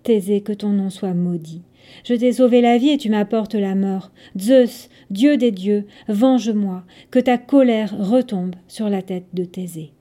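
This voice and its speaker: A woman's voice: mid-range voice, unhurried, mellow, lightly acted. A woman voicing an abandoned young woman in a told story, lamenting in anguish. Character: abandoned young woman, grief-stricken, vengeful.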